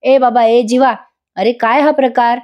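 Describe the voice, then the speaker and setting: Young man demanding answers, raised pitch, played by a woman. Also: fairly even intonation, measured pace, darkish tone, highs cut off, natural voice. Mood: pressing. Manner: pressing, demanding. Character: worried young man questioning his brother.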